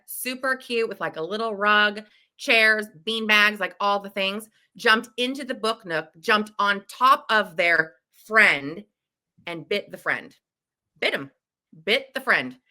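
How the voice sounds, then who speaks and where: A woman educator co-hosting a podcast, telling a story in a lively, casual way and acting out her own past thoughts. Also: mid-range voice, takes it slowly.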